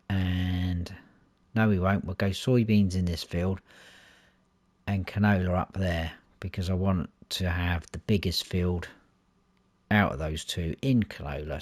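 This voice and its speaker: A man's voice: low-pitched, no echo. A man hosting a farming game series, talking casually and thinking aloud as he plays. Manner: chatty, thinks aloud, changes mind mid-sentence. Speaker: gaming channel host. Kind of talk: casual gameplay commentary.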